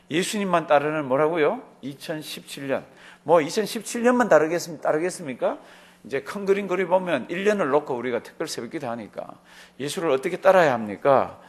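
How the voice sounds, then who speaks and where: A man preaching at an early-morning prayer service, his fairly high voice swinging widely up and down as he presses each point. He keeps asking the congregation questions and then answers them himself, in an earnest, emphatic way. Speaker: pastor.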